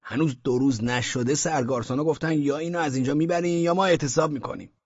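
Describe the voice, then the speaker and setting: A man's voice: fairly high pitch, husky, dry recording, lo-fi sound. A man voicing a boastful, talkative grown man who complains while telling his own story in an audiobook. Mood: aggrieved boasting. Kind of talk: audiobook character reading.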